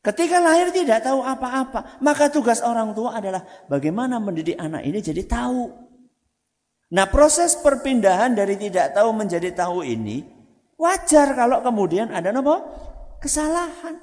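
Lively Javanese-accented preacher in a hall. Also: male voice, very high-pitched, normal speed. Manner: animated, asks the audience rhetorical questions, slips into Javanese. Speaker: ustaz, Islamic preacher. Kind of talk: religious talk to parents. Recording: reverberant hall.

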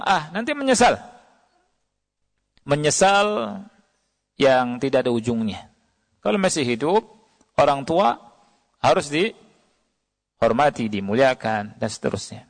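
Gravelly preacher in a reverberant hall. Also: male voice, fairly high pitch, lively intonation, unhurried, pauses often. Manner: quotes Arabic verses and asks the audience questions. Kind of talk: sermon.

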